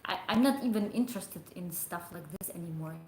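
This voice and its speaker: A woman's voice: lowish voice, brisk, a little mellow, a little hiss or hum. A young adult woman chatting casually on a livestream, rambling and hesitant with lots of fillers. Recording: echoey room.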